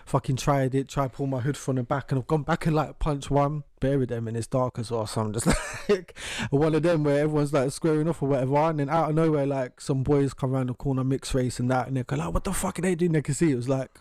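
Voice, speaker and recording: Male co-host, mellow tone, animated anecdotal delivery, dry close mic. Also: mid-range voice, quick pace, hardly any pauses, no room sound. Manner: animated storytelling, swears freely, laughs often. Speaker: podcast co-host. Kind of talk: casual uncensored chat.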